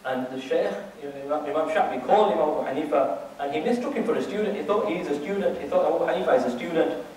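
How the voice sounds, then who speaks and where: A man's voice: fairly high pitch, quick pace, a little mellow, slight background noise. A man giving a religious lecture, asking his audience rhetorical questions and often restarting and repeating his words. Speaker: Islamic teacher. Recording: very echoey room, distant mic.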